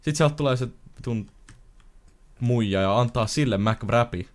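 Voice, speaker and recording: A man playing a video game with a friend, chatting casually and telling a long story, with sudden loud outbursts, keyboard typing audible. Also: mid-range voice, a little hiss or hum. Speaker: gamer co-host. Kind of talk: casual let's-play chat.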